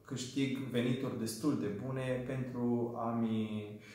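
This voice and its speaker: A man's voice: medium pitch, fairly even intonation, darkish tone. A man in his twenties from Romania, telling his story as a small business owner in an earnest, hesitant way with frequent fillers. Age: 20s. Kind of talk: testimonial for a training video. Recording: very echoey room.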